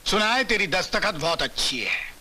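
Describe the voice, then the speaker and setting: A scheming gangster father who gives orders with mocking menace, voiced by a man. His voice is high, very bright and lively, with music running behind it. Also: moderate pace, heavily acted. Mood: menacing. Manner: sarcastic, bossy, threatening.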